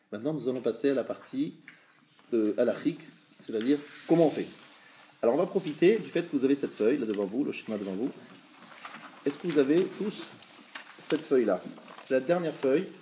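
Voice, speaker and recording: A man teaching a live religious class, explaining patiently, checking with his students and sounding out words slowly to show them. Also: medium pitch, warm tone, slight background noise.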